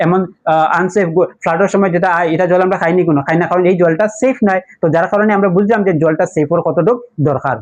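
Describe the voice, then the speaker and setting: High-voiced teacher with a Sylheti accent. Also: male voice, fast talker, few pauses, dull audio. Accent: Sylheti Bengali. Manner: patient, poses questions and answers them himself, spells words letter by letter. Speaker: English teacher. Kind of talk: classroom-style lesson explanation.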